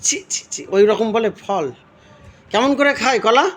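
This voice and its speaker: A woman playing with her toddler at home, asking simple questions again and again and gently scolding with tutting sounds. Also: fairly high pitch, normal speed. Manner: repeats simple questions over and over. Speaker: parent filming her toddler. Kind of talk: playful coaxing talk to a toddler.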